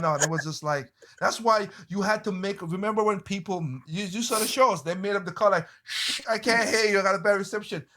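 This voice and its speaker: Guy with a bright ringing voice chatting casually, loud animated storyteller, swears a lot, faint hiss behind. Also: a little high. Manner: animated storyteller, swears freely, exclaims loudly; repeats and restarts phrases. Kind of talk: casual group chat.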